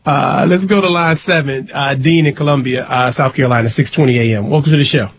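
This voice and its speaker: A man's voice: medium pitch, fairly quick, a little hiss or hum. A man hosting a call-in radio talk show, speaking in an emphatic, impassioned way and repeating points for stress.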